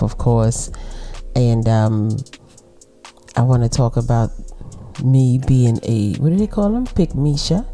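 A middle-aged woman with a Brooklyn accent hosting a casual solo podcast, talking to women listeners in a laid-back, unhurried, conversational way. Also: a bass voice, mellow. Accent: Brooklyn, New York. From Brooklyn, New York. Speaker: podcast host.

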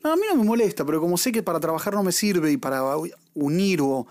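A man from Argentina with an Argentine accent, co-hosting a casual podcast chat with halting restarts. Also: a little high, animated, darkish tone, dry recording, clean studio sound. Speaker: podcast co-host.

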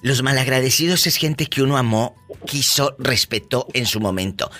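A man's voice: medium pitch, normal speed, bright, forceful tone, faint music behind. A man hosting a call-in radio show, chatting in a playful, teasing, gossipy way. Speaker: radio host. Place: radio studio.

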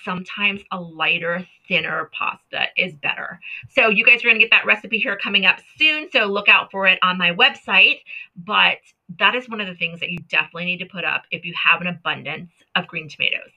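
A woman home cook talking casually and warmly to her viewers about canning, chatty and enthusiastic, often correcting herself mid-sentence. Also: fairly low pitch, a little fast, muffled recording. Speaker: home cooking and canning vlogger. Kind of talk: casual talk to camera.

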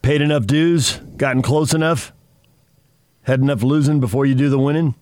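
A man's voice: mid-range voice, steady tone, moderate pace, a little mellow, no room sound. Male sports radio host, dry sound. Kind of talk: conversational sports talk commentary.

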